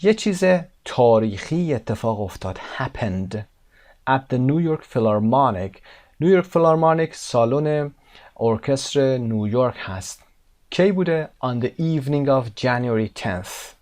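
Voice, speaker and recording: Male English teacher with a middle-pitched voice, Persian native, repeats drill words slowly and with weight. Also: lively intonation, a little mellow. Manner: repeats English words slowly and emphatically, then explains quickly. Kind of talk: language lesson explaining vocabulary and pronunciation.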